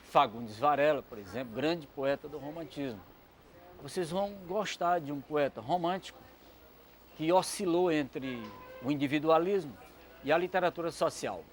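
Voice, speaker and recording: A man's voice: fairly high pitch, moderate pace, slight background noise. Man lecturing on literature, discursive. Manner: discursive, many asides and fillers. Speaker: literature commentator. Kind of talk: educational talk.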